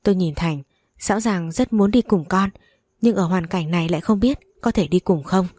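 A woman tells a first-person story in a steady, feeling way, like an audio drama read aloud. Her voice is mellow and warm, and the recording is dry and close with no room sound. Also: lowish voice, normal speed, no room sound. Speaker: story narrator.

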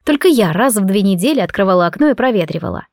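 A woman reads a first-person story in a reflective, gently wry way. Her voice sits in a middle pitch. The recording is dry, with no room sound. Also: lively intonation, fast, dry recording. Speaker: audiobook narrator. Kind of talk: first-person audiobook narration.

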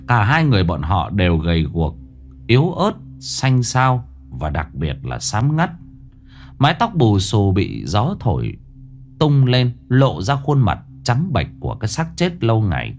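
Low, lively male horror narrator. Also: unhurried. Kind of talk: scripted horror story narration. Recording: narration over faint music.

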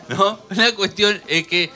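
A man with an Argentine accent hosts a radio show, swinging his voice up and down as he jokes. His tone is piercingly bright and sits a little high. He laughs often while he talks. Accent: Argentine Spanish. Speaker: radio host. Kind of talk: jokey radio talk. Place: radio studio.

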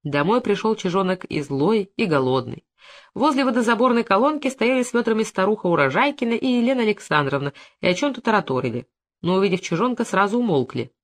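A woman narrating an audiobook in an expressive literary style. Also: medium pitch, quick pace.

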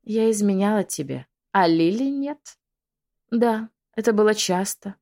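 A woman's voice: medium pitch, lively intonation, measured pace, a little mellow, pitched above the performer's own voice. A woman reading an audiobook, voicing a spiteful young witch who taunts and hisses through her teeth. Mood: taunting. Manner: hissing, taunting.

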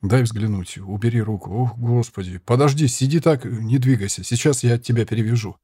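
A man reading the part of a gruff male mercenary, talking in urgent, clipped phrases. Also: medium pitch, a little fast, dark tone, dry recording, clean studio sound, close to an everyday voice.

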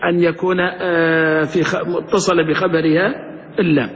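Male grammar teacher, high voice, drills the class with questions, lecture recorded in a reverberant hall. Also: level tone, moderate pace. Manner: quizzes students with questions, then answers them himself.

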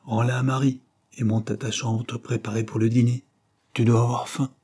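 A man voicing a calm, dignified young mother in an audiobook, composed and gently firm. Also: medium pitch, normal speed, slightly rough. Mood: gentle.

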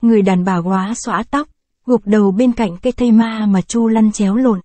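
A woman narrates a short story in a measured, even reading. Her voice is mellow and dark. The recording is dry and close to the mic. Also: mid-range voice, no room sound. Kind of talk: scripted narration.

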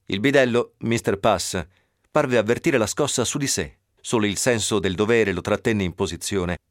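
A man reading a novel aloud on radio in a steady, even storytelling manner. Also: on the low side, moderate pace, dry recording, studio quality. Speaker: narrator.

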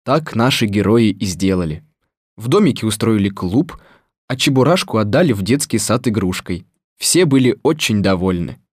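A man narrating a children's storybook in a calm, measured way. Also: lowish voice, husky, no echo, clean studio sound.

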